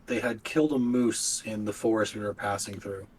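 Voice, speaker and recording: A man's voice: on the low side, moderate pace, a loud crowd, low-quality recording. A man playing a character in a tabletop role-playing game, speaking hesitantly with stammering restarts. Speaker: player.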